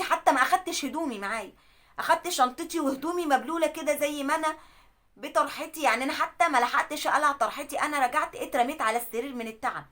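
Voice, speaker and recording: A woman with an Egyptian accent narrating a dramatic first-person life story with emotional, animated delivery, then giving advice. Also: high voice. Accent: Egyptian Arabic.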